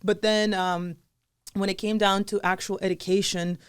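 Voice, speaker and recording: A young woman with a Russian accent tinged with British English chats as a podcast guest. Her voice is smooth and resonant, and the sound is close and dry. She rambles in a friendly way, with lots of "like" and "um". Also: mid-range voice, flat delivery, moderate pace, no echo. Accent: Russian, with some British English. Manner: chatty storyteller, many "like" and "um" fillers. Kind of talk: casual interview chat.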